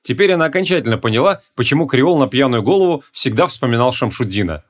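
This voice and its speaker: A man reading a comic fantasy audiobook in a brisk, wry narrating manner. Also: mid-range voice, animated. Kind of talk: scripted narration.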